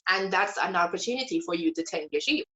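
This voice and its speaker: Talking fast in a lowish, slightly bright voice, a woman guest walks through her Bible study during a relaxed conversation about faith. She's earnest and emphatic, drawing out important words the way a teacher would. The recording's highs are cut off.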